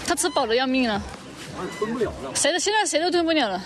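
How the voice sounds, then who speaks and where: A woman's voice: high-pitched, expressive, a little fast, a crowd in the background. A woman hosting a casual livestream in an outdoor park, chatting, teasing and cooing in baby talk on a handheld phone. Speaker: livestream host.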